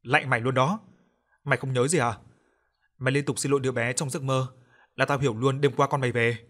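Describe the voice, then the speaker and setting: A man voicing a young woman, a blunt and talkative best friend who scolds briskly. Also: medium pitch, fairly even intonation, fairly bright tone, natural voice.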